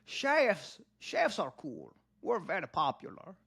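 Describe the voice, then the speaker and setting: A grumpy, greedy puppet chef, as a man puts him on, who talks in flat, childlike sentences and takes offense at everything. His pitch leaps around a lot. The sound is dry and close, with no room around it. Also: slow pace, creaky, slightly rough, no echo, exaggerated voice. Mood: deadpan. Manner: deadpan, easily offended, childlike. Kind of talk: comic bit on a podcast.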